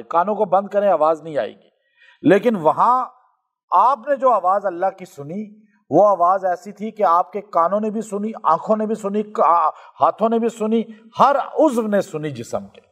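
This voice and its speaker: A male preacher from Pakistan gives a sermon. He tells a story, asks his listeners questions and slows down to recite scripture. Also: sits high, expressive, fairly bright tone.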